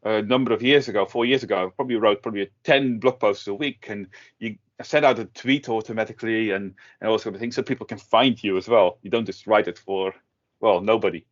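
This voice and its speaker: A middle-aged man from the Netherlands talks casually, often stopping to restart his sentences. His voice sits on the low side. The audio is dull and lo-fi. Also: fairly quick. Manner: hesitant, many restarts and fillers. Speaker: guest, tech blogger. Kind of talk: casual interview talk.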